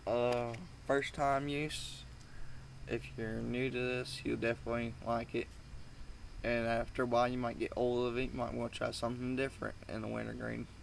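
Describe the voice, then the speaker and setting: A young man rambles through an informal review with chewing tobacco tucked in his lip. His voice sits at an average male pitch, barely moves in melody and crackles with fry. He speaks haltingly and coarsely, over faint vehicle noise. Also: flat delivery. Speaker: amateur product reviewer.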